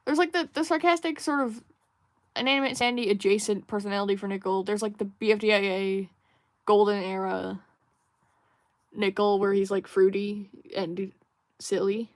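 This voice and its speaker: Young female streamer, casual chatter while drawing, meandering and filler-heavy, close dry sound, middle-pitched. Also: steady tone, normal speed, no echo. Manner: rambling, musing, many fillers and restarts; reads viewer chat aloud. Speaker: livestream host.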